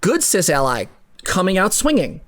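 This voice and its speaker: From a small indoor home room, this young co-host on a livestream delivers dramatic readings and opinionated reactions, blunt, emphatic, sarcastic and tossing in casual swears. The voice is medium-pitched and a bit bright, with huge pitch swings at normal speed, captured by a close boom-arm desk mic.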